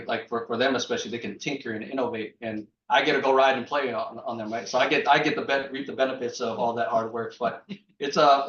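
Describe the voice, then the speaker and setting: An upbeat man talks in a relaxed, casual way as a co-founder. He sounds far from the mic in an echoey room, and the audio is dull and lo-fi. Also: medium pitch. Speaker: startup co-founder. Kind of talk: casual panel talk.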